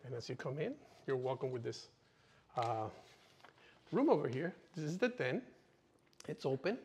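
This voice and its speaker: A man's voice: medium pitch, big pitch swings, moderate pace, a little mellow. A man working as a real estate agent, giving a casual walk-through home tour with informal sales patter, often tagging his phrases with "okay". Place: indoors, walking through an empty new house. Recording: echoey empty-house reverb.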